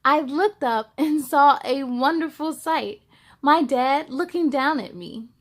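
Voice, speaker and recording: Reading a children's story aloud, a woman with a high voice goes slowly and expressively, like a host putting feeling into every line for young listeners, with playful asides.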